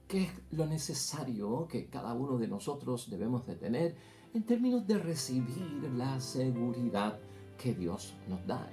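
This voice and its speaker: Mellow-voiced priest preaching. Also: male voice, medium pitch. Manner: preaching, often repeats "brothers and sisters". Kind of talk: gospel reading and homily. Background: faint guitar music.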